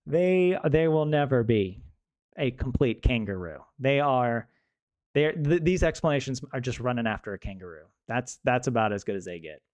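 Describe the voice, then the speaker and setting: A young man streaming as a language learner talks casually with viewers while studying, full of jokes, laughter and rambling restarts. His medium-pitched, darkish voice is animated yet unhurried, with frequent pauses, and there's no echo.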